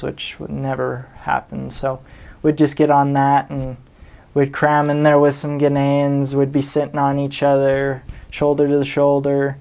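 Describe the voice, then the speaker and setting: A man's voice: medium pitch, vocal fry, darkish tone. A young man from the United States casually telling anecdotes as a vlogger, chuckling often as he recalls them. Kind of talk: casual storytelling.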